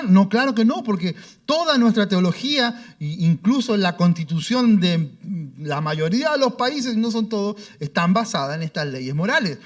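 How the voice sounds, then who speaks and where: A middle-aged man, a pastor giving a sermon and telling stories, acting out the dialogue in voices. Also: high voice. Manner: storytelling, acts out dialogue in voices.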